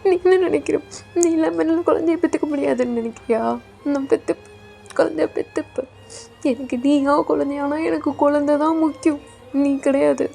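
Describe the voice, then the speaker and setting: A woman's voice: high-pitched, fairly even intonation, a little fast, vocal fry, dark tone, faint music behind. A woman voicing a tearful young man begging for a child. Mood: defiant. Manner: pleading, tearful, insistent. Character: young man desperate for a child, pleading with his lover. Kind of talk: fan audio drama.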